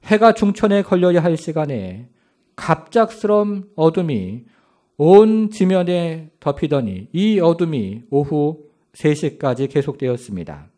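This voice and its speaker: A man preaches a sermon in a dramatic storytelling manner and puts rhetorical questions to his congregation. His voice sits fairly high. His pitch swings widely from phrase to phrase. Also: big pitch swings, unhurried, warm tone. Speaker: pastor.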